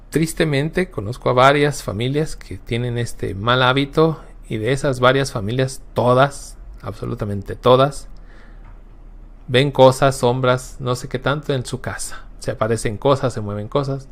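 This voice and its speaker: A man teaching a recorded Bible class as a catechist, emphatic, repeating words for stress and checking in with his listeners. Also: mid-range voice.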